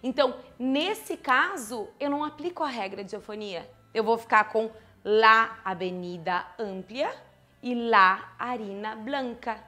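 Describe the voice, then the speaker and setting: A young woman from teaching a lively online Spanish lesson, playful and chatty, asking herself questions and answering them. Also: on the high side, unhurried. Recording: faint background music.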